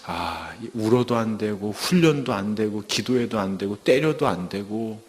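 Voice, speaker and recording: A man giving a testimony sermon at a church service, telling his story in a lively way and acting out the lines he quotes. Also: fairly low pitch, moderate pace, long reverb tail.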